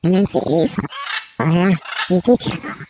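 A woman voices a young male shepherd dog, hungry and proud, muttering through an inner monologue for a comedy audio sketch with wild pitch swings. She sounds animated and mellow at a normal speed, and background noise can be clearly heard.

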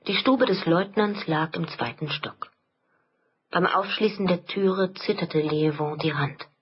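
A woman narrating an audiobook of a classic novel with measured storytelling. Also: fairly low pitch, breathy edge, muffled recording. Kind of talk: scripted narration.

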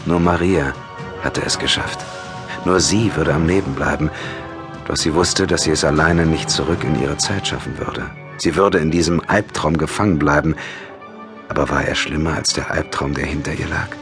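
Very low male voice, audiobook narration, faint music behind. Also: normal speed. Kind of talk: scripted narration.

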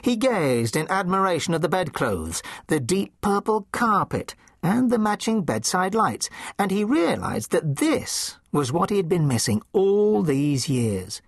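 A man narrating a children's storybook in an expressive, playful way. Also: sits high, a little slow, vocal fry, few pauses, no echo, clean studio sound. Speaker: audiobook narrator.

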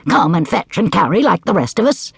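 A coaxing, tattling dog from a storybook, voiced by a man, lifting his voice high and bouncing it around. It has a breathy grain and a dry, close sound. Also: big pitch swings, fairly quick, no echo, exaggerated voice. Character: busy, coaxing male dog.

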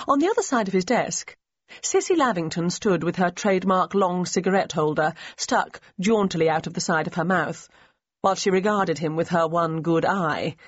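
A woman narrating a novel in a measured, even storytelling manner. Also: lowish voice, slightly rough, no echo. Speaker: audiobook narrator. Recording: slightly muffled dry studio recording.

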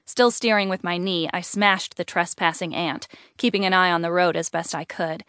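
A woman reads a first-person audiobook in an even, clear way. Her voice sits a little low and the recording is dry and close. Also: moderate pace, no room sound. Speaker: audiobook narrator.

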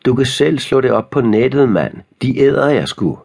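A man's voice: low-pitched, darkish tone, breathy edge. A man voicing a cruel, cocky teenage boy bully who mocks and spits insults in an audiobook. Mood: mocking.

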